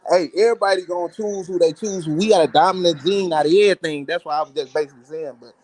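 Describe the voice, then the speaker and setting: A man's voice: high-pitched, fast, darkish tone. A man on a podcast panel who talks in a slangy, laid-back way and keeps checking that he is understood. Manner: slangy, laid-back, keeps saying "you know what I'm saying". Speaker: panel guest. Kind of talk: casual panel discussion.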